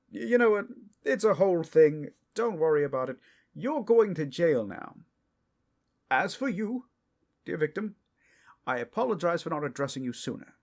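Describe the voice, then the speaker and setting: In a comedic audio drama, a man with a high-pitched voice plays a self-assured superhero who means well but blunders. His heroic bluster slides into casual, earnest rambling, with a breezy yet concerned mood.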